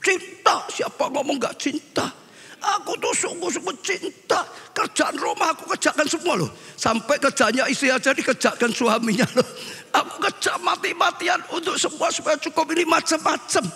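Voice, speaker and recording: A man's voice: very high-pitched, moderate pace, pushed and bright, soft background music, pitched above the performer's own voice, exaggerated voice. A man voicing an indignant husband who insists he loves his wife, in a reverberant church hall. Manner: protesting, raised voice.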